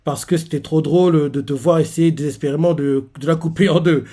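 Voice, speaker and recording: A man's voice: a little high, steady tone, fairly quick, dark tone, lightly acted. A man voicing a cool, aloof young male swordsman with a dismissive manner, read from a comic. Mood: dry.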